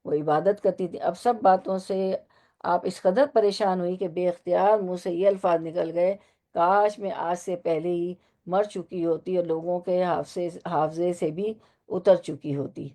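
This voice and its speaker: A woman teaching a Quran lesson to women, explaining Arabic words slowly and asking her listeners questions. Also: lowish voice, fairly even intonation, mellow.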